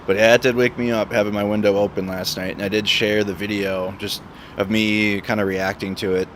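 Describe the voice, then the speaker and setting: His voice sits on the low side and sounds a bit bright, with a level tone and a fairly quick delivery. As a livestream host, he chats casually and repeats words and phrases for emphasis, out on a traffic-filled, noisy city street.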